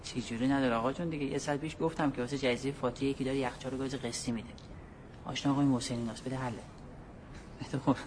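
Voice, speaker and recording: A man's voice: mid-range voice, steady tone, a little mellow, lightly acted. An actor playing a harried father who pleads, placates and repeats his excuses, on a noisy film soundtrack with street sounds. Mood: insistent. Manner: placating, repetitive, defensive.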